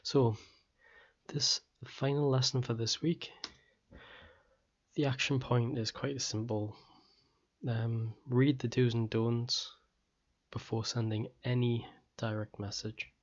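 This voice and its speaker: Male online tutor, mid-pitched, slightly hoarse throat, direct and practical; muffled lo-fi take. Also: slow pace, long pauses. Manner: direct, relaxed and practical, with small restarts. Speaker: online course teacher. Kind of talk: casual recorded lesson.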